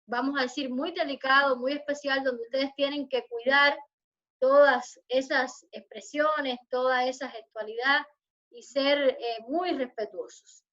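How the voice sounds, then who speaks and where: A high-pitched woman lectures to students over a video call, her speech measured and explanatory. The audio comes through dull and lo-fi. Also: fairly even intonation, a bit bright. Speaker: university lecturer. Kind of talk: online lecture.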